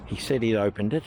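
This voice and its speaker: Walking through a historic village, an Australian travel vlogger chats casually to the camera and muses as he goes. His voice is lowish, and the rough recording carries a bit of hiss or hum.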